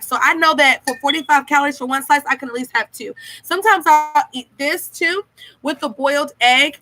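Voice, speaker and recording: Filming in a small room at home, a young woman enthusiastically talks to viewers in a casual diet vlog, holding food up to the camera. Her voice sits high, bright and forceful, picked up at close range by a webcam's built-in mic in low-quality audio.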